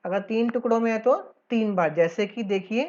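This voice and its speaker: A woman teacher explaining an English textbook lesson to schoolchildren in Hindi, reading English lines slowly and often checking in with "theek hai". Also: medium pitch, a little mellow. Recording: slightly dull lo-fi audio.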